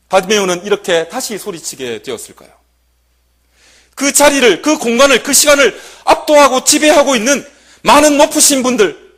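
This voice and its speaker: A young male preacher delivers a sermon in a church, his voice sitting high and leaping up and down in pitch. He swings between booming declarations and quiet, near-whispered asides. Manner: dramatic, swings from loud proclamation to hushed asides. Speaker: junior pastor.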